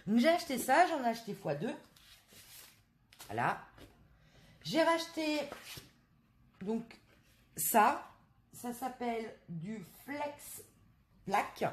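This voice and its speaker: A woman's voice: a little high, lively intonation, a little slow, long pauses. A woman from France in a casual haul video, chatting to her viewers with many hesitant fillers. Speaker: craft vlogger.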